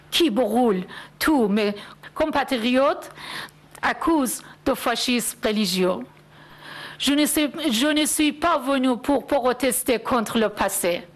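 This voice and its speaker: A woman from Iran giving a prepared testimony speech at a conference, solemn and deliberate in short phrases. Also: a little high. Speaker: conference speaker.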